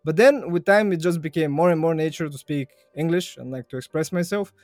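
A young man whose first language is Bulgarian is a guest on a casual podcast interview, chatty, laughing easily and repeating phrases. His voice is a little high and a little mellow, fairly quick, with no echo and faint music behind.

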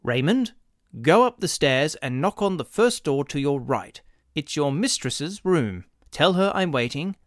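A man's voice: on the high side, very animated, measured pace, dry recording, studio quality. A man doing a bellowing, bullying rich husband. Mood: angry bullying. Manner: gruff, barking, impatient.

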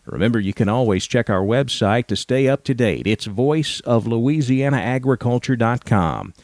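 A man's voice: mid-range voice, normal speed, a little mellow, no echo. Male American news anchor, mid-range, formal scripted headline read, dry booth.

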